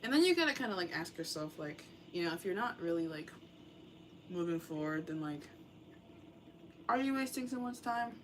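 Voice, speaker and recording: A woman's voice: lowish voice, big pitch swings, moderate pace, long pauses, a little hiss or hum. A young woman giving a casual tarot reading in a rambling, meandering way, full of fillers. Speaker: tarot reader.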